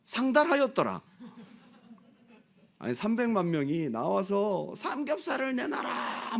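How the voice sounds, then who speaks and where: Animated Korean pastor, lively high voice. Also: male voice. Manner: animated, acts out crowd voices and quotes. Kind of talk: Bible study sermon. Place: church.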